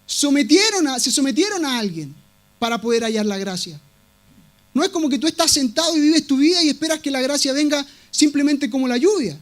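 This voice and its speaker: A man's voice: very high voice, lively intonation, a little fast. A male pastor preaching a sermon with emphatic delivery, repeating key words for weight. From Latin America.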